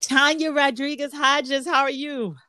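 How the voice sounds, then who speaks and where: A woman's voice: sits high, steady tone, measured pace, sharp tone, no room sound, clean studio sound. A woman hosting a chat show, upbeat and affirming toward her guests. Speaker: host. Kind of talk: casual interview chat.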